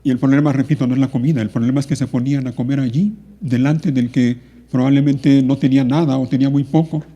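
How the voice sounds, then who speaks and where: A man preaching a sermon to his congregation, earnest and pleading, moving between hushed and raised passages. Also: medium pitch, steady tone, fast, breathy edge, muffled recording. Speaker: pastor.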